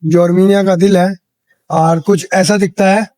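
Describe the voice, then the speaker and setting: A man's voice: high voice, flat delivery, moderate pace, warm tone, dry recording. A young Indian man from India hosting a street interview vlog outdoors in a city square, chatty and repeating answers back for his viewers. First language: Hindi. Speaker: travel vlogger interviewing a worker.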